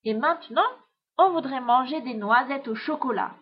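A woman voicing a gentle young male hamster in a storybook reading, calm and polite, on a dull lo-fi recording. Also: high voice, moderate pace, slightly rough.

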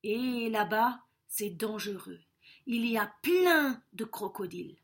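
A woman's voice: a little high, lively intonation, slow. A woman voicing a cautious, caring father bird in a storybook, speaking in a worried, pleading way.

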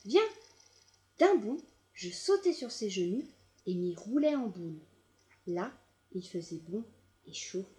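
Slow, mellow woman reading a storybook. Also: medium pitch. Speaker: storybook narrator. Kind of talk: children's audiobook reading.

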